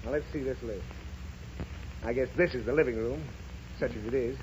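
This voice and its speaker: In a dull, noisy 1930s radio comedy recording, an actor plays an irritable American father pestered by his little girl, grumbling and explaining with huffy sarcasm. His medium-pitched, darkish voice moves at a normal speed with light acting, and he comes across as grumpy and impatient.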